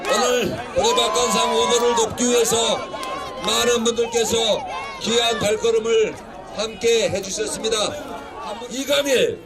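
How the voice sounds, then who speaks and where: A man emceeing an outdoor political rally, shouting introductions and leading chants. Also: very high-pitched, fairly even intonation, moderate pace. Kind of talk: rally announcing. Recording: loud crowd noise outdoors.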